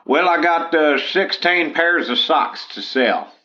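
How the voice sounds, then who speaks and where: A man plays a simple, folksy caller, heard over a muffled phone line on a radio call-in show. He rambles with lots of ums, and his voice sits a little high and bright. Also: expressive, slow pace, full character voice. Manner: rambling, hesitant, folksy grammar. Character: simple folksy man selling odd socks.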